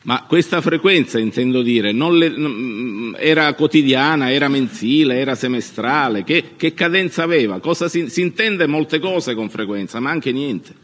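A man conducts a courtroom cross-examination as a lawyer. He is formal and probing, halting as he shapes his questions. His voice sits at a medium pitch, with long reverb from a large hall. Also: expressive, fairly bright tone.

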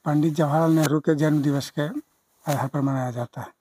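Husky middle-aged man answering a reporter. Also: a little high, steady tone, fairly quick, dark tone. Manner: brief, deferential replies. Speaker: school headmaster in charge. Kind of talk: answering interview questions.

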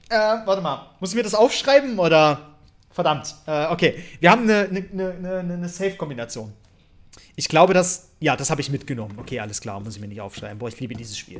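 Excitable German woman gaming commentary. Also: deep voice. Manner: excitable, jokey, shrieks at scares. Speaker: let's play host. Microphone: headset.

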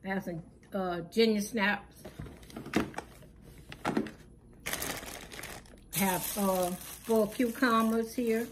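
Recorded at home off camera, a channel host goes through her groceries one at a time in a mid-range voice with fairly even intonation. Her grocery haul narration is plain and unhurried, full of fillers, and background noise is audible.

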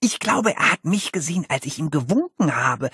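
A man's voice: on the high side, very animated, normal speed, pushed and bright, husky, dry recording, studio quality, voice pushed up, exaggerated voice. A man doing a gushing star-struck seventh grader. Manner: gushing, rambling.

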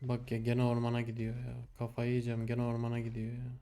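A young man giving casual gameplay commentary, exasperated, talking to the game and his animals and swinging between low muttering and loud outbursts. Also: monotone, fast talker. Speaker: gameplay streamer.

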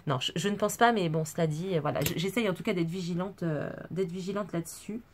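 A woman's voice: fairly low pitch, fast, slight background noise. A woman presenting a craft haul in a chatty, casual way, with many hesitations and fillers. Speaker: crafting vlogger.

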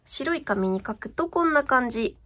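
High, sharp-toned, and lively in intonation, her voice moves at a moderate pace. She is a young stationery vlogger chatting casually while showing off her purchases, gushing and frequently checking whether the sparkle shows on camera.

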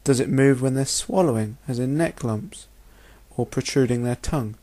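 A man's voice: mid-range voice, moderate pace, dark tone. Methodical male medical lecturer. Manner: clear, methodical, instructional, posing rhetorical questions. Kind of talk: narrated lecture over slides.

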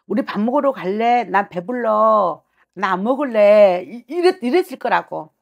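A woman's voice: medium pitch, expressive, moderate pace, vocal fry. A middle-aged woman fortune teller giving a reading on the phone, blunt and scolding, acting out her client's thoughts as she talks. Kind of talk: fortune-telling consultation. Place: small shrine office.

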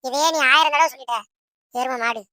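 Squeaky, bright cartoon siblings who whine and tattle in fast bursts, as a performer puts them on. The pitch sits very high and the delivery stays dry and close. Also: dry recording. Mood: whining. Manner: whining, tattling. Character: squabbling teenage siblings, whiny and quarrelsome. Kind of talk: Tamil cartoon voice acting.

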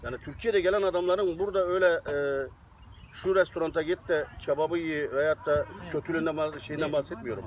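A man's voice: on the high side, steady tone, fast. A man chatting casually outdoors, rambling and laughing easily as he talks about cooking for visitors. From Turkey. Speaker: interviewee, Turkish cook living abroad.

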